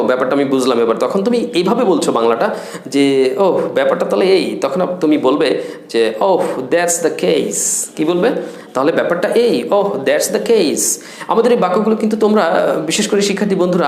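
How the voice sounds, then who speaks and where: A man teaching spoken English phrases in Bengali, saying each English phrase slowly and repeating it with care. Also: a little high, a little mellow, echoey room.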